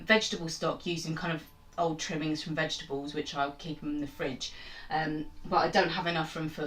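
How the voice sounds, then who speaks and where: Woman home cook, lowish voice, chatty and rambling, recorded from a distance in a small roomy kitchen. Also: a bit bright. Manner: chatty and rambling, self-mocking asides. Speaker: home cook and channel host. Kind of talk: casual cooking demonstration.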